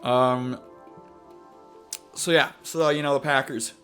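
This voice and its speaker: Rambling young man with halting fillers. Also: medium pitch, fairly even intonation, a bit bright, clear, resonant tone, faint music behind. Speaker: gaming video host. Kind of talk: casual gameplay commentary.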